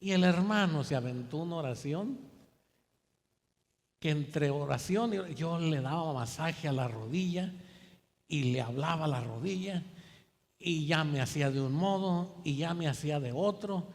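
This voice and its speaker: A man's voice: on the high side, moderate pace. A man preaching a sermon, telling stories animatedly and acting out the voices of biblical figures. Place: church sanctuary. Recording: church hall with long reverb.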